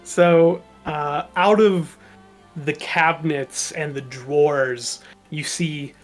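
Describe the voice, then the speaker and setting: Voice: medium pitch, steady tone, slow pace, faint music behind. A game master narrating a tabletop game, hesitant with many fillers.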